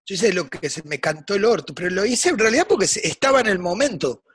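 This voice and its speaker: Older Rioplatense man, guest musician, husky raised voice, emphatic and swinging between hush and shouts. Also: high voice, very animated, fast. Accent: Rioplatense Spanish. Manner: emphatic, swings from hushed to loud. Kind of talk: impassioned interview monologue.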